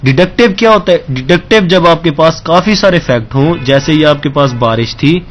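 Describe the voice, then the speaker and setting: With a fairly high, animated voice, a male teacher explains exam-prep content in careful steps. He often asks if everyone is following and blends in English terms, over slight background noise.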